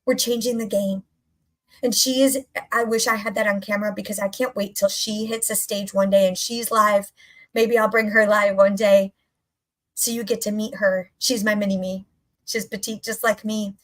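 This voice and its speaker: A woman's voice: mid-range voice, level tone, normal speed, fairly bright tone. A woman coach giving an emphatic, enthusiastic motivational talk, repeating phrases for effect. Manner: enthusiastic, upbeat. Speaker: health and mindset coach.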